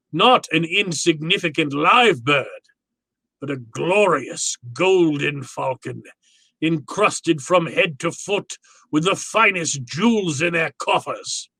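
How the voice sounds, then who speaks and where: A man's voice: on the high side, sharp tone, no echo, exaggerated voice. A man playing a courtly, genial crime boss in a radio drama, telling his tale in a florid, grandly polite manner.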